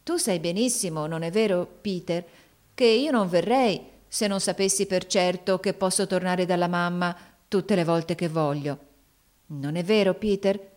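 A woman's voice: fairly low pitch, unhurried, a little mellow, lightly acted. Woman reading as an anxious little girl. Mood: pleading. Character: small eager girl, anxious about her mother. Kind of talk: audiobook reading.

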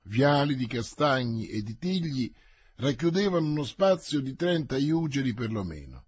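A man reading a classic novel aloud as an audiobook, in a measured, deliberate way. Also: medium pitch, very animated, breathy edge, dry recording. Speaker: audiobook reader. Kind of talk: scripted audiobook narration.

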